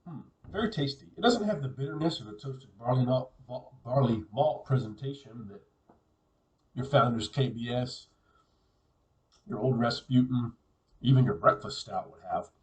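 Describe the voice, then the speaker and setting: A man casually reviewing a beer on his own, relaxed and musing, often repeating words as he thinks aloud. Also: medium pitch, moderate pace, far from the mic, rough recording.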